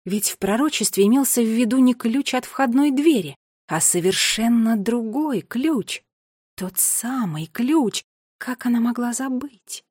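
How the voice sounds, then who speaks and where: A woman reading an audiobook in a measured, expressive storybook narration. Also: on the high side, slightly rough, no room sound, clean studio sound.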